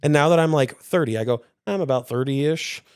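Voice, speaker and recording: A man's voice: a little high, a little fast, darkish tone, smooth, dry recording. A man in his early thirties co-hosting a podcast, rambling in a casual, self-deprecating way. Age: 30s. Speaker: podcast co-host.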